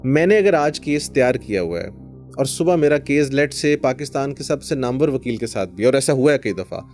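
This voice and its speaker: A man's voice: mid-range voice, lively intonation, moderate pace, a little mellow, soft background music. A man in his forties with a Pakistani Urdu accent, a lawyer answering interview questions in an earnest, storytelling way, mixing in English phrases. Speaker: lawyer, podcast guest.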